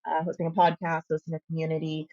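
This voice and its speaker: A woman from the Philippines answering interview questions in a relaxed, reflective way. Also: deep voice, fast talker. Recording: dull, lo-fi interview recording.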